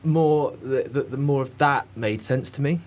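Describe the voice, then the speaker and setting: A man's voice: mid-range voice, normal speed, darkish tone. A man talking in a casual conversation, rambling and hesitant with many fillers and frequent laughs. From Cornwall, England. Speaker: artist guest.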